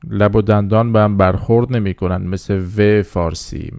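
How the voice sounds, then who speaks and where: Gravelly low-voiced man teaching slowly. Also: steady tone, a little mellow, no room sound, studio quality. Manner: slow drilling repetition of words, patient explaining. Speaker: English teacher. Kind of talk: beginner language lesson.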